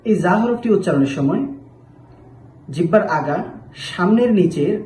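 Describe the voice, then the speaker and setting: A man's voice: high-pitched, expressive, moderate pace, darkish tone, reverberant, a little hiss or hum, poor audio. A man giving a patient pronunciation lesson, drawing out each letter sound as he demonstrates it. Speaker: Arabic letter teacher.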